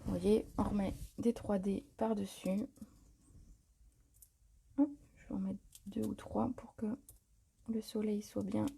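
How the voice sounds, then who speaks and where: A woman's voice: mid-range voice, slow pace, gravelly, long pauses, slight background noise. A woman hosting a live paper-craft tutorial, talking casually and improvising as she works, with plenty of fillers and self-corrections. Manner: chatty and relaxed, many fillers and self-corrections.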